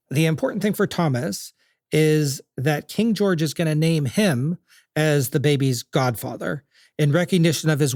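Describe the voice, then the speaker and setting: A man's voice: on the high side, a little mellow, dry recording, clean studio sound. A man hosting a podcast, telling history in a chatty, jokey, casual way. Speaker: podcast host.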